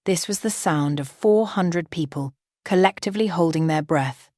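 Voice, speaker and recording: Woman, first-person story narration, lowish voice, dry close mic, steady and dramatic. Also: moderate pace, dry recording.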